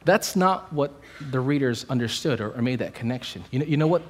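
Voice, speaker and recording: A man preaching a sermon in an animated way, often repeating words as he restarts a phrase. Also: medium pitch, fairly quick, breathy edge. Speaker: pastor.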